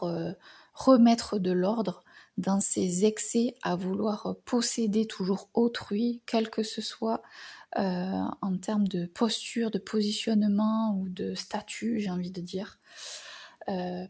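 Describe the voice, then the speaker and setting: A woman from France gives a slow, thoughtful astrology monologue. Her voice is soft and mellow with a breathy, slightly husky edge. She hesitates often, and her phrases fade away into a near whisper. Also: mid-range voice. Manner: hesitant, frequent filler pauses, words trailing off into whispers. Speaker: astrology channel host. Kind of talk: reflective spoken monologue.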